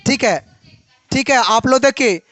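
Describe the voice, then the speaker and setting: A woman teacher leads a biology class. She speaks in a high, unhurried voice and keeps asking her students questions before she answers them herself. The recording is dry and close. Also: a bit bright, no room sound.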